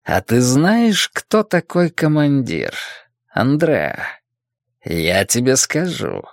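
Narrator voicing a menacing town boss, domineering, mocking, dry close sound. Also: male voice, mid-range voice, wildly swooping pitch, slow, creaky, no echo, heavily acted. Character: menacing scheming middle-aged male town boss.

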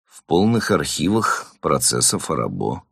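A phlegmatic adult son who is a police officer, answering in a flat, level tone, voiced by a male audiobook reader. His voice is very low and sounds close and dry. He stays unhurried and calm. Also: vocal fry, slightly rough, no echo, full character voice. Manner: level, even-toned replies.

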